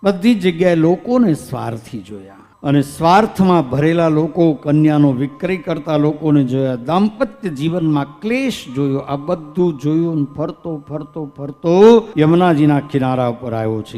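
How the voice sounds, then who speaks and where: A man's voice: fairly high pitch, dark tone. A man from Saurashtra with a Gujarati accent, telling a devotional story sermon, reciting scripture verses in a singing lilt and then explaining them plainly. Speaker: religious storyteller. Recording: long hall reverb with faint music.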